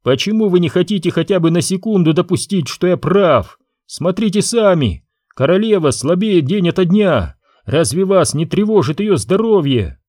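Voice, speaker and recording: A man's voice: high-pitched, animated, moderate pace, dry recording, studio quality, voice pushed up. Man doing a furious young prince. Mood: accusing. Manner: heated, accusing, shouting. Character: proud angry young prince, quick to accuse.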